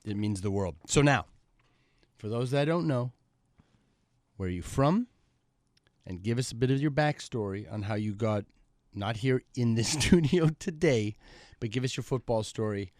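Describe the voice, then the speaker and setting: Excitable male podcast host, dry studio. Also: moderate pace, long pauses, no echo. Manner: excitable, rambling introductions with big pitch swings. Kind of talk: studio interview. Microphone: studio microphone.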